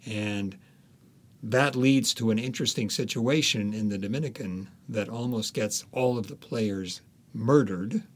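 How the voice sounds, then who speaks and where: With a voice on the low side, a man interviewed as an author tells his stories casually, stopping at times as he searches for words.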